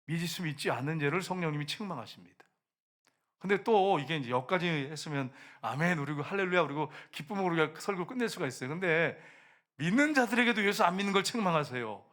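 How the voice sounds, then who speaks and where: A man's voice: on the high side, lively intonation, fast. Fervent male pastor preaching a sermon. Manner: swings between loud exhortation and soft asides; repetitive emphatic phrasing. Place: church sanctuary.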